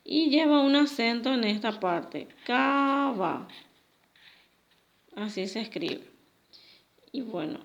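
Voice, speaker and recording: Lady teacher going slow over each word, kinda gravelly voice, dull lo-fi sound. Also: fairly high pitch. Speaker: Guaraní teacher. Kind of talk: recorded language lesson for children.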